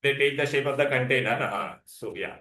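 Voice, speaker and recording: A man's voice: medium pitch, brisk, bright, forceful tone. A man with an Indian accent teaching an interactive science lesson, mixing Hindi words into English and often asking questions to prompt answers. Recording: echoey, roomy sound.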